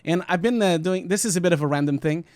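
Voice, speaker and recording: This podcast co-host is a visual effects supervisor in his forties with a Portuguese accent, chatting casually in a rambling, joking manner. His voice is high-pitched and a little mellow, and he talks at a quick pace. The audio has no echo.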